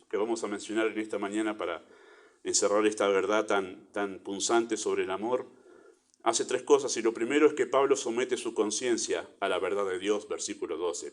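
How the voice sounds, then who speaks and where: A man's voice: fairly low pitch, normal speed. A man with a Rioplatense Spanish accent preaching a sermon in church, conversational, with little acted asides. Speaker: pastor.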